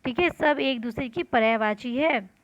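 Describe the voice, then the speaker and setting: A woman's voice: high voice, moderate pace. A woman teacher explaining a story lesson to students, glossing words and repeating lines. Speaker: school teacher.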